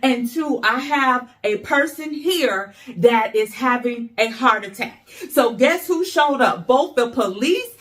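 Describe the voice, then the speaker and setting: A woman motivational speaker giving an earnest, emotional inspirational talk, with preacher-like repetition and slow emphatic exhortations. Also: a little high, expressive.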